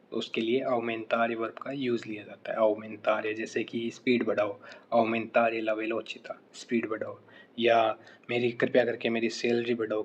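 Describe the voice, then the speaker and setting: Male language teacher, steady mid-pitched voice, words said slowly then explained quickly, muffled recording. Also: a little hiss or hum. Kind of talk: vocabulary lesson.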